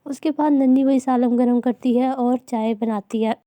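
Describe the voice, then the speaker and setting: A woman telling a cartoon story in a plain, unhurried manner. Her voice is somewhat high and very dark and mellow, recorded close and dry with no room sound. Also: fairly even intonation, no room sound. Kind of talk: storybook narration.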